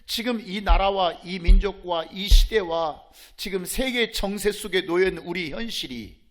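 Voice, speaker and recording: A male pastor preaching a sermon with passion. He asks rhetorical questions, repeats his pleas, and swings from hushed asides to shouting. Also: high voice, moderate pace.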